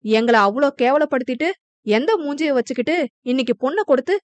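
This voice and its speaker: A woman voicing a quarrelsome, teasing young husband who fires off quick, mocking retorts. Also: sits high, dry recording, natural voice. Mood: defiant.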